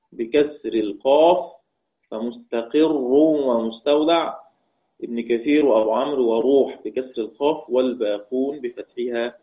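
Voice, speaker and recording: A man with an Egyptian accent teaching a religious lesson, asking and answering his own questions and chanting quoted verses slowly. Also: mid-range voice. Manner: slow melodic recitation of quoted verses between explanations; asks questions and answers them himself, repeating key points. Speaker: Quran recitation teacher. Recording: tinny phone-like audio.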